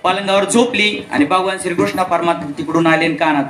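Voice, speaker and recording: A man's voice: high-pitched, quick pace, roomy sound. A man preaching a devotional kirtan, telling a story and acting out its characters' voices. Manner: acts out characters' voices while telling stories.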